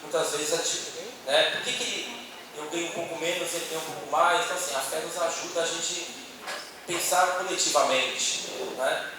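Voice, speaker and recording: A man's voice: fairly high pitch, normal speed, distant mic, crowd noise. A man with a Brazilian accent giving a conversational church talk to an audience, with many tag questions. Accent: Brazilian Portuguese. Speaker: speaker on a church panel. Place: meeting hall with an audience. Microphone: handheld microphone. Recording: echoey hall, voice from off-mic, noisy.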